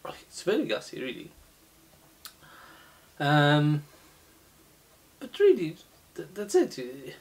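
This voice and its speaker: Middle-aged guy tasting beer on camera, slow and halting, pitch jumps around a lot. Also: wildly swooping pitch. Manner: slow, halting, many fillers and restarts. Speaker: beer reviewer. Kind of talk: casual beer tasting review. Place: small indoor room, seated at a table.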